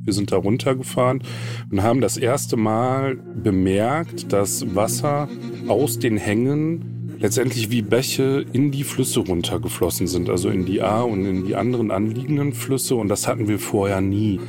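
Calm man in his forties, low voice. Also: normal speed, music in the background. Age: 40s. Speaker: interviewee, flood survivor. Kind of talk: personal account in interview.

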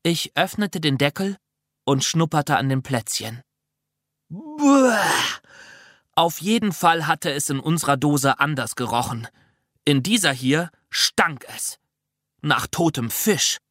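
A reader narrating a children's audiobook in an expressive, lively way. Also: medium pitch, no echo, studio quality.

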